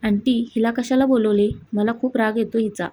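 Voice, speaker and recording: A woman reading the lines of a jealous, spoiled young woman who talks angrily, in a husky voice. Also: fairly high pitch, steady tone, normal speed, lightly acted. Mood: resentful. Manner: angry, shouting.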